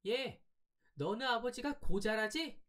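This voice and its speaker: A man puts on a spiteful teenage country girl from an old storybook, her voice pitched far above his own. She jeers in a sing-song, mocking way, every word a taunt. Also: animated, takes it slowly, a bit bright, heavily acted. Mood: jeering.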